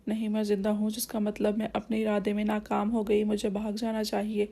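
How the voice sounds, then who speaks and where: Scared young woman pleading tearfully, gravelly low-key delivery, read by a woman narrator. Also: monotone, warm tone. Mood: confused.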